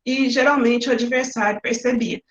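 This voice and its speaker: A Brazilian woman teacher with a high voice walks through her classroom activities step by step in an online lecture. Her call audio sounds roomy and a little muffled. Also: steady tone, normal speed. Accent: Brazilian Portuguese. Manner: explains step by step with examples.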